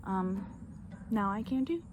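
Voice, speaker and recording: Filmed on a phone on a back porch, a young Bulgarian-native beauty vlogger rambles chattily through a makeup tutorial, often self-deprecating. Her mid-range voice is slow and darkish with lively intonation, and there's a little hiss or hum.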